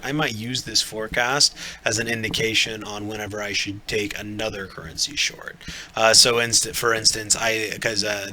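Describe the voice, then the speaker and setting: A man's voice: lowish voice, bright, forceful tone. Chatty man talking through trade charts. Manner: casual, rambling, thinks aloud with many fillers. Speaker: trading stream host. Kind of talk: live forex chart walkthrough. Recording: noisy live stream audio.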